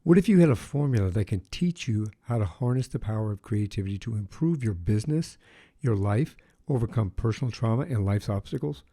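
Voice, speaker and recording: A man hosting a podcast, reading a scripted intro and then chatting with a guest in a measured way, pausing with fillers. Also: on the low side, lively intonation, dark tone. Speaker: podcast host.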